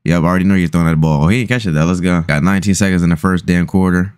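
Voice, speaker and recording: A man's voice: sits low, steady tone, very fast, a little mellow, clear, resonant tone, no echo, clean studio sound. A young man doing casual, slangy, profane gameplay commentary, his speech slightly altered by a retainer in his mouth. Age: young adult. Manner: slangy, profane trash talk. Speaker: gaming streamer. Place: small indoor room at home.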